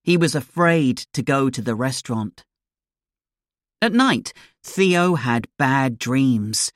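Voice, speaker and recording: A narrator reading a graded storybook slowly and clearly, each sentence placed with care. The voice sits at a middle pitch and is recorded close and dry, with no room sound. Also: lively intonation, no room sound. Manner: slow, clear, deliberate reading.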